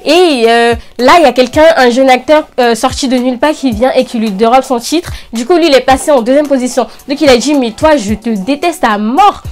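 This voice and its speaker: Chatty, enthusiastic young woman, higher-pitched voice. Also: brisk, few pauses, soft background music. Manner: chatty, enthusiastic anime fan; informal youth slang. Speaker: anime review channel host. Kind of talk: casual video recommendations to camera.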